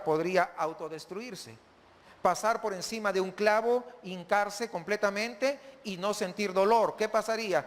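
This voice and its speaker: High-voiced pastor preaching in a hall. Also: male voice, a bit bright. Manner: keeps asking the congregation questions. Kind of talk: sermon.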